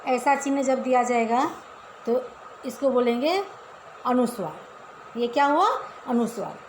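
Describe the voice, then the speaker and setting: A Hindi teacher with a high-pitched voice and fairly even intonation speaks at a moderate pace to children in a casual class. She explains step by step and often quizzes her pupils, recorded in an echoey room with faint ambience and a little hiss or hum.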